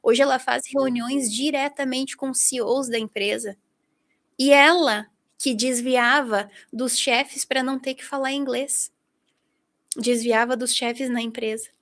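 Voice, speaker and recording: A woman's voice: sits high, measured pace. A middle-aged woman from Brazil teaching an online English masterclass, talking straight to her listeners and acting out what her students say. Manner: lively, talks directly to the listener, acts out students' quotes.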